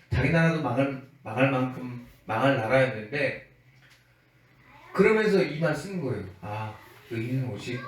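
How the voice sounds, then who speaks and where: A man preaching a sermon as a pastor in a relaxed, conversational way, acting out the voices he quotes. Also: medium pitch, very echoey, recorded from a distance, slight background noise, poor audio.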